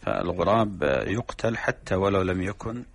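A man, a sheikh, explaining religious rulings in a measured, teaching way on a radio program. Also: sits low, breathy edge. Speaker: sheikh answering religious questions.

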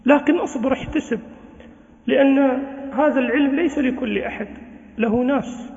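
A man's voice: very high-pitched, darkish tone. A man preaching an earnest sermon to students, exhorting them and asking rhetorical questions. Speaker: Islamic preacher. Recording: dull lo-fi sound with long reverb.

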